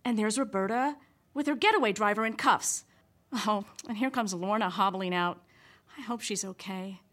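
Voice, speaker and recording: A woman playing an excitable amateur camerawoman in a sitcom radio play, talking in breathless running commentary. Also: mid-range voice, normal speed, lightly acted. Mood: excited commentary. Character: excitable woman filming a stakeout.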